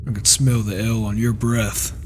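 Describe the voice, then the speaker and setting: Lightly acting, a man voices an impatient, proud, reclusive video game warrior, grumbling and asking questions with determination. His voice is lowish and darkish, level in tone and moderately paced. Rain and faint noise sit in the background, and there are mic issues.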